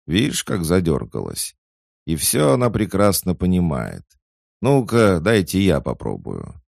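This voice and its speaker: A man's voice: low-pitched, wildly swooping pitch, measured pace, gravelly, darkish tone, no echo, studio quality, voice pushed up, full character voice. A man voicing a shrewd female ghost cook in an audiobook, sly and bargaining. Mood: knowing.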